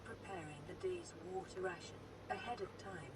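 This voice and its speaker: A woman voicing a calm, caring computer assistant in a game, making even, clipped synthetic announcements. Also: on the low side, moderate pace, very noisy. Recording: game audio, distant, loud music.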